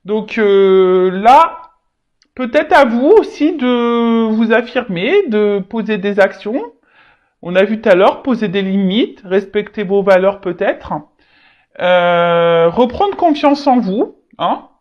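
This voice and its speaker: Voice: medium pitch, animated, takes it slowly, dull audio. A tarot reader giving an unscripted reading straight to viewers, often stalling, repeating words and leaning on fillers.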